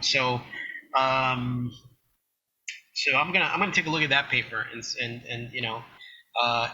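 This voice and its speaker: A man's voice: medium pitch, pushed and bright, highs cut off. A man presenting at a science journal club, talking casually with frequent restarts. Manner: rambling, many restarts.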